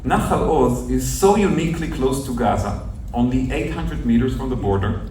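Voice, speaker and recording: A young adult journalist from northern Israel tells a group of visitors his story outdoors at a kibbutz near the Gaza border, speaking in an earnest, measured, explanatory way. His medium-pitched voice is expressive and dark in tone. The recording is distant and very echoey, with faint noise.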